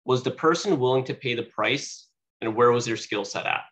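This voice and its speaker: A young adult man, a guest speaker at a sales meeting, gives a casual motivational speech full of fillers, sounding slightly sniffly from allergies. His mid-range voice is fairly bright and moderately paced, in a meeting room on a dull lo-fi recording.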